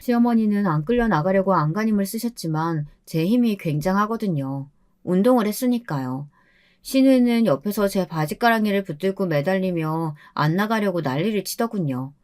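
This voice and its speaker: A woman narrating a first-person story in a scripted, expressive way, sounding indignant. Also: mid-range voice, normal speed.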